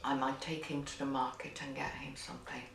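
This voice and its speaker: In a candid, reflective chat, a middle-aged woman with a deep, fry-tinged voice speaks flatly and briskly, yet unhurriedly, searching for words and repeating herself. She is an interpreter featured in a documentary, a non-native English speaker from a non-English-speaking country outside the UK. Her voice echoes around the room over background hiss.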